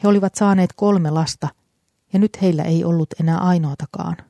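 Mellow, calm audiobook narrator. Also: medium pitch, creaky, no room sound.

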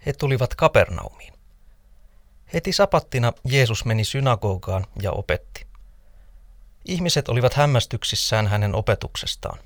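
A man reads scripture aloud in a measured, steady voice of middle pitch. The sound is close and dry, as if from a studio booth. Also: no room sound. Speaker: scripture reader.

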